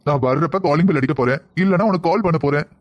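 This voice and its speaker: A man's voice: fairly high pitch, racing, lightly acted. A man voicing a careless young husband. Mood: offhand. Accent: southern Tamil. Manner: offhand, dismissive. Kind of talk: cartoon voice acting.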